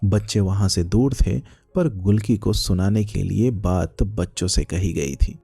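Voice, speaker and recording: A man narrating a literary short story in a slow, measured storytelling manner. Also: fairly low pitch, vocal fry, warm tone, slightly rough, no echo, soft background music.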